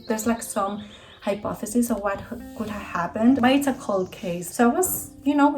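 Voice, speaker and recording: This Spanish woman, speaking with a Spanish accent, chats eagerly about books as a vlogger and keeps correcting herself. Her mid-range voice has a darkish tone, and the recording is rough. The talk is a casual, enthusiastic book review.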